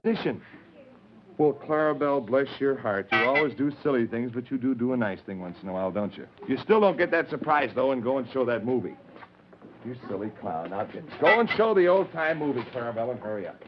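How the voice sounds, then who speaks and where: A man's voice: medium pitch, lively intonation, fast talker. A man hosting an old children's TV show, speaking in a folksy, exclamatory way to the kids. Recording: muffled, noisy old TV recording.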